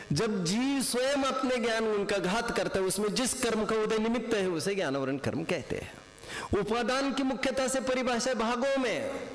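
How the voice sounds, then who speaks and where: High-voiced man teaching in an echoey hall. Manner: quizzing, repeating questions, mixing English words. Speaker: religious teacher. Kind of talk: classroom teaching with questions to students. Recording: echoey hall with long reverb.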